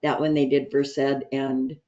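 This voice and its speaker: A woman telling a lively story in a support group over a video call, acting out what people said. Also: rumbling low, a little slow. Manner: animated, acts out quotes. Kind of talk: casual storytelling. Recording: dull video call audio.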